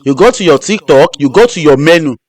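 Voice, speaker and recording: A man's voice: fairly high pitch, lively intonation, quick pace, darkish tone, no room sound. A man hosting a live stream, teaching step by step and repeating his instructions. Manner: repetitive, restarts phrases. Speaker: host.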